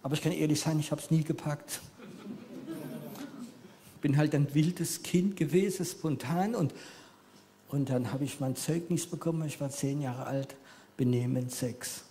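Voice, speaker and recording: A man in his fifties with French as his first language, preaching a sermon in German as an animated storyteller who swings between loud emphasis and quiet near-whispers. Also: fairly high pitch, a little slow, long pauses, slight background noise.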